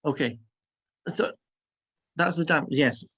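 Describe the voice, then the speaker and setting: A man's voice: a little high, takes it slowly, fairly bright tone, breathy edge, lo-fi sound. Hesitant male game master. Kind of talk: narrating a tabletop role-playing game.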